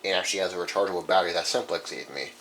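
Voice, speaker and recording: A young man, a radio collector, rambles casually through a show-and-tell of his collection in an indoor room. His voice is low, a bit bright, and rapid-fire. Some background noise is audible.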